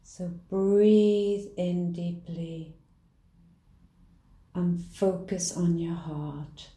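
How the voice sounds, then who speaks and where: A woman leading a guided healing meditation in a soft, soothing manner. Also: on the low side, little pitch movement. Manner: soft, slow, soothing delivery. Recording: roomy echo.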